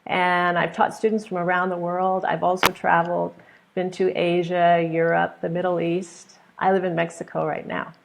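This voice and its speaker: A middle-aged woman from California with a standard American accent, teaching a pronunciation webinar in clear, simple, encouraging explanations. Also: lowish voice, little pitch movement, normal speed, background noise. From California, United States. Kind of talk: webinar lesson, explaining to students. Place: small plain room indoors. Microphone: earphone headset on a webcam video call.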